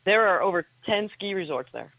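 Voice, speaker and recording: A woman's voice: mid-range voice, animated, brisk, dry recording. A woman co-hosting a talk radio show, chiming in chattily, with slightly muffled sound. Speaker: radio co-host. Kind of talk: casual talk radio chat.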